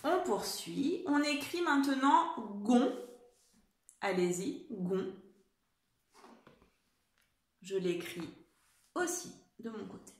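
A woman teaching a spelling lesson to young children at home, dictating slowly and carefully and encouraging them. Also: a little high, lively intonation. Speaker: primary school teacher. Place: room at home. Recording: echoey room.

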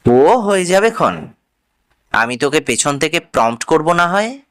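A man's voice: a little high, very animated, measured pace, fairly bright tone, smooth, no room sound. A man voicing a sly, scheming schoolboy in a story reading, persuasive and friendly.

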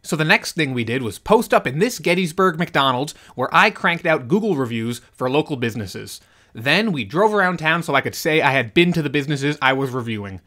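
A man's voice: on the high side, lively intonation, fairly quick, bright, forceful tone. A young man in his twenties giving dry, wry scripted voice-over narration for a road trip vlog. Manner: dry, wry, reading reviews in an overexcited voice.

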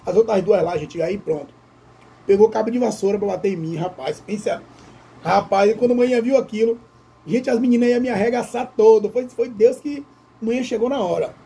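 A man who tells a story to his viewers while eating, in an animated way and often calling out to them. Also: high voice, gravelly, slightly rough. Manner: animated, addresses viewers as "gente". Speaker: vlogger. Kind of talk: casual storytelling during a mukbang.

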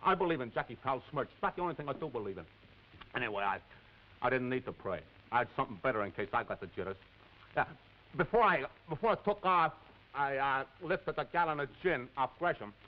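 A man's voice: medium pitch, animated, fast talker, natural voice. An actor playing a crude, boastful young male astronaut with an American accent, swaggering and stammering in 1950s television drama. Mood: boastful drunk. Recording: dull lo-fi 1950s TV audio.

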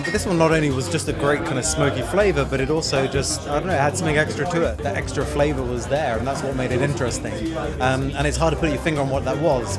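Fast-talking enthusiastic man diner. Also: medium pitch. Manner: enthusiastic, fluent. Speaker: diner reviewer. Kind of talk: on-camera interview. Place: busy restaurant table. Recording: loud background music.

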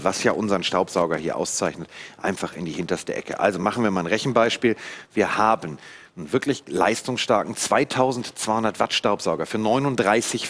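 A man in his thirties giving a persuasive, emphatic live sales pitch as a teleshopping presenter in a TV studio. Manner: emphatic, persuasive, repetitive phrasing. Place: TV studio set. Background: background music.

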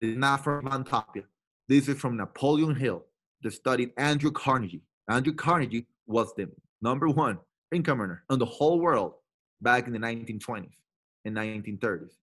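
A man giving a motivational training talk to a sales team. He is emphatic and repeats himself, swinging between loud bursts and quiet asides. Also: medium pitch, moderate pace. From Latin America.

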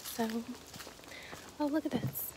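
A woman's voice: slow pace, background noise. Chatty woman vlogging on a trail. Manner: chatty, self-deprecating, talking to camera while walking. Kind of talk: casual hiking vlog. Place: outdoors on a forest trail. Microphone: phone at arm's length. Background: background music.

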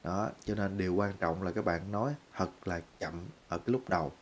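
A man with a Vietnamese accent teaching English phrases, repeating each one slowly word by word. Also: deep voice, a little hiss or hum. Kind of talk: English lesson.

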